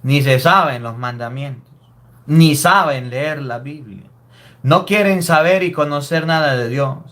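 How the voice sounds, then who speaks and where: High-voiced priest preaching. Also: male voice, a little slow, fairly bright tone. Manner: emphatic, scolding preaching with rhetorical questions. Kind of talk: sermon.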